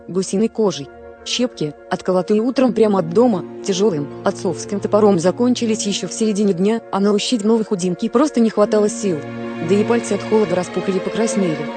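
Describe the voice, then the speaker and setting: A woman narrating a story in a steady, even manner, as in an audiobook. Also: medium pitch.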